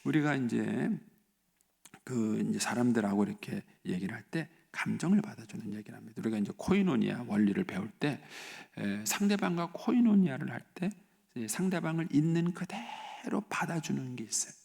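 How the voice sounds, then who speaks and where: A man's voice: mid-range voice, lively intonation, normal speed, vocal fry, a little mellow. A male pastor giving a conversational sermon at an early morning church service, with lots of filler words. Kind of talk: sermon at a dawn prayer service. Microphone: live-stream recording.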